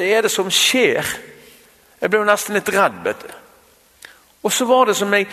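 A man with a Bergen accent and a fairly high voice preaches and tells his own testimony to a gathering. He talks straight to his listeners and keeps turning to them with small asides. His voice carries a long reverb from a large hall. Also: a bit bright. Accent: Bergen Norwegian. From Bergen, Norway. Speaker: conference speaker. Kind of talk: sermon with personal testimony.

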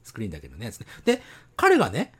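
A man co-hosting a casual podcast chat, animated and teasing, laughing often. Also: mid-range voice, very fast, husky. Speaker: podcast co-host.

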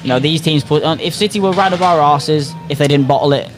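A man's voice: a little high, fast talker, music in the background. A man hosting a casual football podcast chat in an opinionated, sweary way. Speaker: podcast host.

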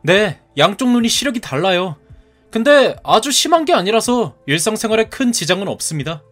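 A man's voice: high-pitched, sing-song, fairly quick, fairly bright tone, faint music behind. A man in his thirties voicing a polite but stubborn young groom-to-be who answers back in a cartoon story. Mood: pleading. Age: 30s. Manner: polite, defiant retorts.

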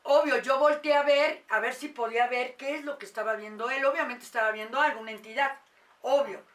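A woman, a mother telling a paranormal story in casual, animated talk. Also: high-pitched, brisk, distant mic. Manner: animated, acts out quoted voices.

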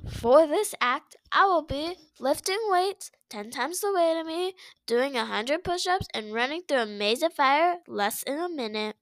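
A woman voicing a boastful, muscular male warrior cat who speaks in a measured way. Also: high voice, animated, a bit bright, no echo, exaggerated voice, poor audio.

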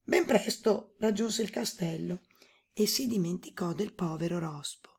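A woman narrating a fairy tale in a calm, even storytelling manner. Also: lowish voice, a little slow, vocal fry, breathy edge.

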